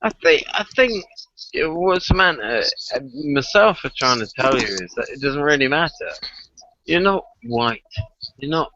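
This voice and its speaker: Bright, lively Irish man on voice chat. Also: fairly high pitch, unhurried. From Ireland. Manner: talkative, joking, cuts others off. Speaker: host. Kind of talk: casual online voice chat. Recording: muffled lo-fi voice chat audio.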